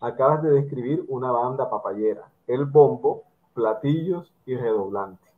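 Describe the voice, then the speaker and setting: A man's voice: mid-range voice, expressive, measured pace. A middle-aged man from Colombia's hosts the talk with a mid-range voice. He explains patiently and speaks straight to his viewers, as if teaching a class. His voice comes through a thin, phone-like video call line. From Colombia, Barranquilla. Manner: explanatory, addresses viewers directly, lectures with examples. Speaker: host of an online drum interview.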